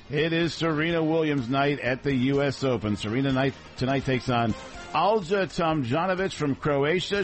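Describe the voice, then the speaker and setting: A man delivering a scripted radio sports update as the anchor. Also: a little high. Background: music.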